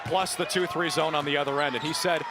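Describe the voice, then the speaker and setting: Calling play-by-play and sports reports, a young man in his early twenties speaks fast in a voice on the high side, keeping his intonation fairly even. The recording clearly carries background noise from the venue.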